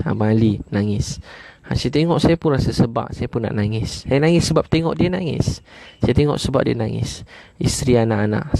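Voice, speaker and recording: A man preaching with a Malaysian Malay accent and a gravelly, fry-tinged voice. He drives each point home by repeating it, with frequent "ha" fillers and slow chanted prayers. The recording is dry and close, with no room echo. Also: mid-range voice, warm tone. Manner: chants Arabic prayers slowly. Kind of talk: sermon.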